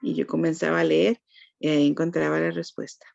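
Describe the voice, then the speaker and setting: A woman's voice: deep voice, little pitch movement, fairly quick, vocal fry, a little mellow, no room sound, muffled recording. A woman pastor with a Costa Rican accent telling a personal story in a church group. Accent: Costa Rican Spanish. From Costa Rica.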